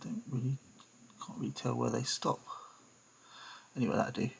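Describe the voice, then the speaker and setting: Husky-voiced man muttering through a craft tutorial. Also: mid-range voice, little pitch movement, moderate pace. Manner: chatty, muttering to himself while working. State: holding his breath while painting. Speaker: hobbyist toy customizer. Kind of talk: casual tutorial talk.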